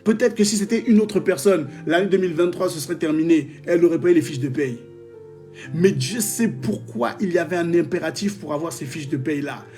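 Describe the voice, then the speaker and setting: Lively man preaching over faint music. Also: on the high side, brisk. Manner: lively, exclamatory, jokes and laughs with viewers. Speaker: preacher leading a live prayer stream. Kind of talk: live-streamed sermon and testimony reading.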